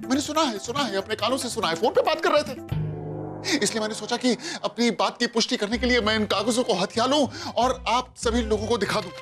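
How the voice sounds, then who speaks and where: An actor playing a flustered, excitable professor son-in-law who pleads and explains in a TV comedy drama, with music underneath. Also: male voice, very high-pitched, a little fast. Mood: accusing. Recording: background music under dialogue.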